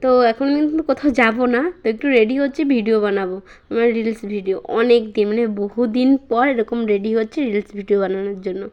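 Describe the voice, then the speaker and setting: A woman's voice: on the high side, fast talker, lo-fi sound. A young woman, a mother chatting casually to her vlog viewers at home with lots of fillers. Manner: chatty, many fillers, baby talk to her child.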